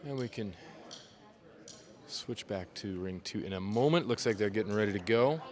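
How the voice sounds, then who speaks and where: Male stream commentator, fairly low voice, casual and easygoing, muttered asides, clear crowd noise behind. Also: normal speed.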